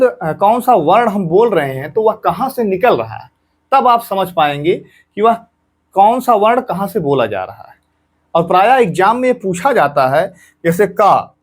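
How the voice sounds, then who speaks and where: A man with a fairly high voice teaches an exam-prep grammar lesson. He speaks patiently, voicing each sound himself and going over it again for his students. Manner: patient, repeats sounds aloud and drills students.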